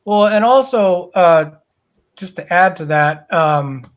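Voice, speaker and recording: A man co-hosting a podcast, talking in a hesitant way with frequent pauses and restarts. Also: high voice, animated. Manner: hesitant, many fillers and restarts. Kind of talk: casual podcast talk.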